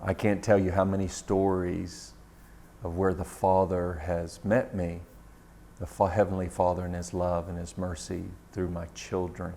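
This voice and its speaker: A man's voice: sits low, little pitch movement, a little slow, vocal fry, dark tone, slight background noise. A middle-aged man telling a personal story in a sermon, in a conversational, laughing storyteller's manner.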